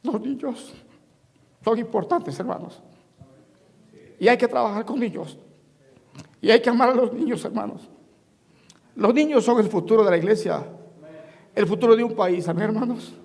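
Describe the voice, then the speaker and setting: A woman's voice: a little high, moderate pace, vocal fry, long pauses, a little mellow, slightly rough. A woman from Mexico, preaching a testimony sermon in a church, telling stories and calling the congregation "brothers" again and again. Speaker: guest preacher. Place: church sanctuary. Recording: reverberant church hall.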